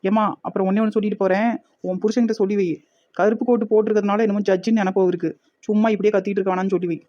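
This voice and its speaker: Cartoon casting: a woman playing a sassy, fast-talking village daughter with a Tirunelveli accent, dull lo-fi sound. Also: mid-range voice, fairly even intonation, warm tone, lightly acted. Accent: Tirunelveli Tamil. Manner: cheeky, quick talking back.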